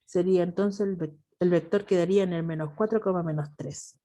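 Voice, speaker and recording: A woman's voice: lowish voice, fairly even intonation, a little fast, dark tone. A woman with a Chilean accent teaching a math class over a video call, patient and affectionate with her students. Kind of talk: online class lecture.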